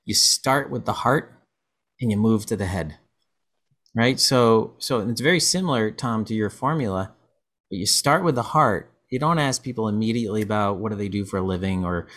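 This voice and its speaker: Low-pitched guy hosting a podcast, chatty, rambles and restarts a lot. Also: moderate pace, fairly bright tone. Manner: rambling storyteller with many restarts. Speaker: podcast host. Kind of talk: casual chat.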